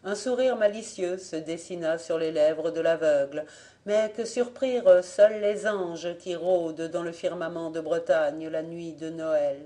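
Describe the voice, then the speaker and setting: Audiobook reader: woman, mellow lowish voice, measured storytelling. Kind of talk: reading a classic French tale aloud.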